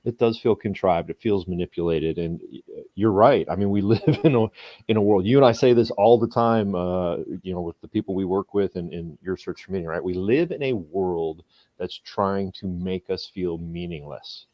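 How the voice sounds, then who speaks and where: A man's voice: sits low, moderate pace, no room sound, dull audio. A man hosting a podcast in casual discussion, reflective and often restarting his words as he thinks. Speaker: podcast host.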